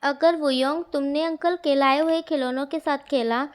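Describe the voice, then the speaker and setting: A woman's voice: sits high, steady tone, moderate pace, close to an everyday voice. A woman voicing a jealous, sulky little boy who complains in a hurt, pleading way. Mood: angry.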